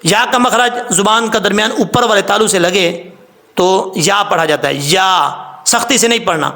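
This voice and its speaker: In a tajweed lesson, a man patiently teaches Quran recitation rules step by step, spelling out sounds slowly and repeating rules about common mistakes. His voice is high, creaky and sharp in tone.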